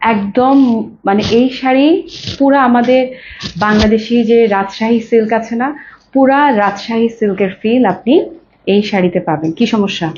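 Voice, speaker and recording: A woman with a Bangladeshi Bengali accent sells saris in an effusive live stream, her voice slightly hoarse. She talks a little higher than most women. The sound is dull and lo-fi, with faint background noise. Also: unhurried, darkish tone. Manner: effusive, mixes English phrases. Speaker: live-stream saree seller. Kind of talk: live sales pitch. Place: clothing showroom.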